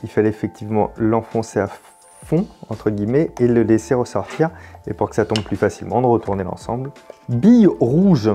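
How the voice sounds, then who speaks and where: Man, French accent, mellow voice, casual puzzle commentary, faint music behind. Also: on the low side, brisk. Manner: casual, swears in surprise, jokey. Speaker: puzzle video host. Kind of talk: thinking aloud while solving a puzzle.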